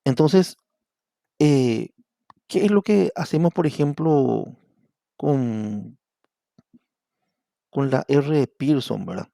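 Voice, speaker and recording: A man's voice: mid-range voice, takes it slowly, vocal fry, long pauses, dark tone, dry recording, studio quality. A middle-aged man with a Paraguayan Spanish accent giving an online university lecture, explaining step by step and checking in with his students. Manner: explanatory, repeatedly asks "¿verdad?".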